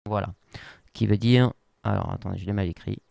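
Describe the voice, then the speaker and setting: Male tutorial host, low voice, hesitant and filler-heavy, writing as he talks; dry close sound. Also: steady tone, brisk, vocal fry, mellow, dry recording. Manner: hesitant, many fillers and restarts. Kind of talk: casual tutorial explanation. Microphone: worn mic.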